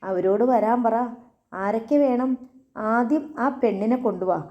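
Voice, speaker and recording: A woman voicing a menacing older male boss who questions a frightened girl with measured threats. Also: on the high side, mellow, muffled recording, lightly acted.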